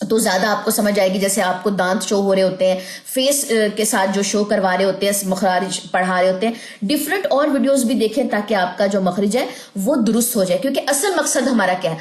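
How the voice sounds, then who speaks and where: A woman teaching an online recitation lesson, explaining patiently and drawing out words slowly as she demonstrates. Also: medium pitch, echoey room. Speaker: tajweed teacher.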